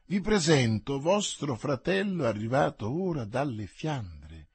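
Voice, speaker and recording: A man's voice: medium pitch, very animated, unhurried, husky, dry recording, exaggerated voice. A man reading aloud and voicing a bold, impatient young male musketeer with emphatic exclamations. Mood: commanding.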